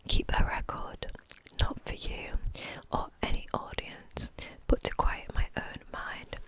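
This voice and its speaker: A woman hosting an ASMR channel, softly whispering as she chats and reads aloud from a book. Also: slow. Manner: soft unvoiced whispering throughout.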